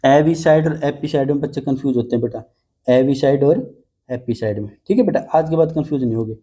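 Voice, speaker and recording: A man's voice: a little high, quick pace, mellow, breathy edge. A man teaching an exam vocabulary class, coaxing students with playful memory tricks and constant reassurances. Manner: coaxing, repeats "ठीक है बेटा", playful mnemonics.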